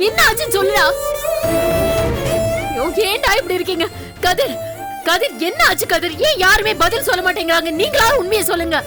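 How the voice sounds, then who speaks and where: A woman's voice: very high-pitched, expressive, a little fast, long pauses, over loud music. An actress playing a young woman pleading tearfully for news of her missing father. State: crying. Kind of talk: Tamil TV serial acting.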